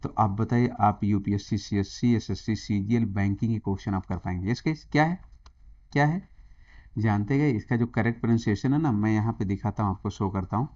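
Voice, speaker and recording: A man's voice: on the low side, fairly quick, dark tone, highs cut off. A man with an Indian accent teaching an exam-prep English grammar lesson, switching between Hindi and English and quizzing his viewers.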